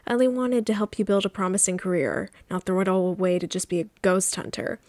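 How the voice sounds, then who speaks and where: A woman reading the lines of a bossy, controlling wealthy mother in a story game, briskly and commandingly. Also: mid-range voice, a little mellow, no echo, clean studio sound, natural voice. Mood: stern.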